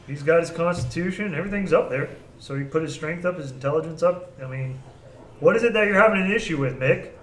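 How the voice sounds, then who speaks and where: A man's voice: a little high, quick pace, fairly bright tone. A man running a tabletop role-playing game as game master, talking casually with players. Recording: echoey room, distant mic, faint noise.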